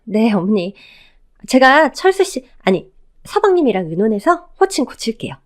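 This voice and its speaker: A young bride telling her own story, read by a woman for a radio drama. Her speech is polite and deferential. Her pitch moves in a lively way. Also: moderate pace. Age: young adult. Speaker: narrator and new daughter-in-law.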